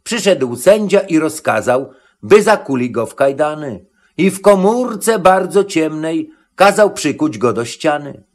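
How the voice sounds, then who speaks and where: A man narrating a children's rhymed storybook, reading the verse in an expressive, rhythmic way. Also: on the high side, unhurried.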